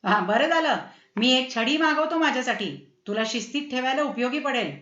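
A woman's voice: sits high, lively intonation, normal speed, fairly bright tone, muffled recording. Woman doing a grumbling middle-aged father, old-fashioned, storybook, echoey room. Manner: grumbling, irritable.

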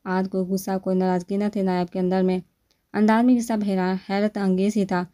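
Narrator: woman reading a serialized novel, warm mellow tone, lifts pitch for dialogue. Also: level tone.

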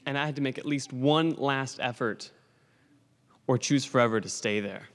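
A man's voice: mid-range voice, normal speed, a bit bright. Teen boy, commencement testimony, earnest storyteller, podium mic in a reverberant gym. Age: teens. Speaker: graduating student speaker. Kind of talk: commencement speech. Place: school gymnasium stage at a lectern. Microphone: podium microphone on a stand. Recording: long hall reverb from a large gym.

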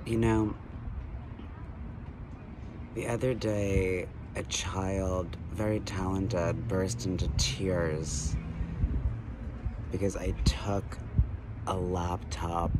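Rambling man with a low voice. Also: slow pace, pauses often, background noise. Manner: excitable, jumpy, lecturing. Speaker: vlogger. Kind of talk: rambling selfie monologue. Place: outdoors by a building wall. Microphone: phone at arm's length.

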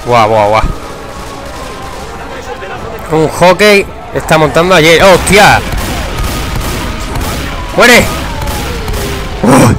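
A young man giving casual, excitable gameplay commentary, swearing and breaking into shouts. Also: fairly high pitch, drawn-out words, long pauses. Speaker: gamer. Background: game music.

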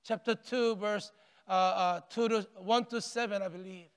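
High-voiced older pastor preaching in a hall. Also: male voice, normal speed, clean tone. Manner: animated preaching with wide arm gestures, rising and falling intensity; repeats and restarts phrases, drops to near-hush on key words. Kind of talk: sermon. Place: large church sanctuary, stage with pulpit. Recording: long reverb of a church hall.

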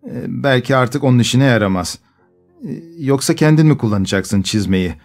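A man voicing a pushy young coachman who wheedles and hesitates with a drawn-out "e" sound. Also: mid-range voice, animated, a little mellow, faint music behind, close to an everyday voice. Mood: wheedling. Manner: nudging, starts lines with hesitant "e".

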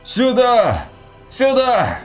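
Brief: male narrator voicing a brash shouting soldier, lively pitch, faint music underneath. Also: normal speed. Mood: yelling. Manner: shouting, exasperated.

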